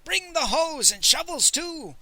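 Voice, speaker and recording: A man putting on a grasping old miser with a rasping, piercing voice that leaps high and wild. He howls in a frantic rush, sharp and tense, like a storybook miser counting every coin. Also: lively intonation, drawn-out words, no room sound, heavily acted. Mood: frantic howling. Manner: howling, frantic. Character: ugly greedy old male miser, shrill.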